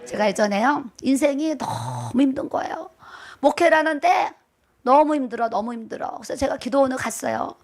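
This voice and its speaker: A woman's voice: high-pitched, brisk. A middle-aged woman, a pastor's wife, preaching a sermon. She speaks emphatically, repeats her words and chuckles through self-mocking asides.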